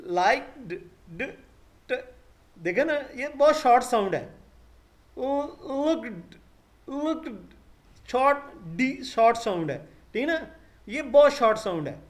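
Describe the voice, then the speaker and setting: A man with a fairly high voice gives a live online English lesson. He speaks, calls his students "beta" and drills each sound slowly and patiently. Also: expressive. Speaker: English teacher.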